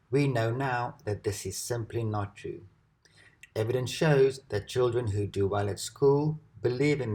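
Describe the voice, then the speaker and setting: A man reading a scripted educational narration at a measured, steady pace. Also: lowish voice. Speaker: presenter.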